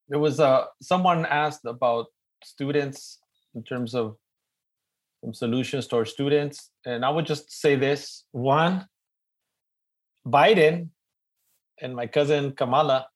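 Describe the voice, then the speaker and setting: A middle-aged man with an East Los Angeles Chicano accent, moderating a webinar informally in a joking, animated way and often repeating words. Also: medium pitch, a little slow. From East Los Angeles, United States. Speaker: panel moderator.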